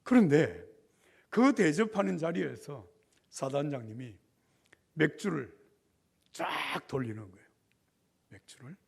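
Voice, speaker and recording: An older man, a pastor, telling a story in a revival sermon with lively acted dialogue. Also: a little high, unhurried, gravelly, long pauses, breathy edge.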